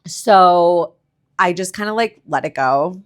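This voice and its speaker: Low-voiced woman, chatty podcast guest. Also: slow. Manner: chatty, heavy filler "like", blunt and swears casually. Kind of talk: candid conversational interview.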